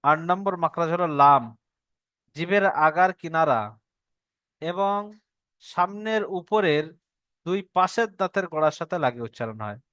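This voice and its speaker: Bengali-accented male teacher, slow careful repetition, raised pitch, bright and smooth. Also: lively intonation, no room sound. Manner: patient, repeats each point slowly for the student. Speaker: Quran recitation teacher. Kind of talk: online tajweed lesson.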